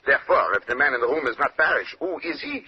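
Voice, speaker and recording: A man's voice: medium pitch, sing-song, fast, close to an everyday voice. Courtly, brilliant Belgian detective male actor, French-speaking accent, theatrical and precise; vintage radio drama, muffled and hissy. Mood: confident, explanatory. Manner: precise, lecturing, punctuates points with questioning "eh?". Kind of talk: old-time radio drama acting. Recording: dull, noisy old radio recording.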